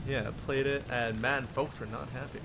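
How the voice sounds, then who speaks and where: Heavy background noise surrounds a man whose gravelly, medium-pitched voice stays steady at normal speed. On his live stream he chats casually and ramblingly, often chuckling at viewers' messages, and also reads some story narration aloud.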